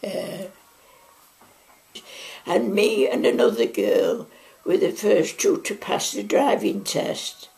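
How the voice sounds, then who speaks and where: A woman's voice: fairly low pitch, big pitch swings, slow, vocal fry, pauses often, darkish tone. A woman in her nineties with a Mancunian accent, chatting her way through wartime memories in an oral history interview at home, with plenty of asides. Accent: Mancunian English. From Manchester, England. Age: 90s. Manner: chatty, rambling reminiscence with frequent asides. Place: living room at home.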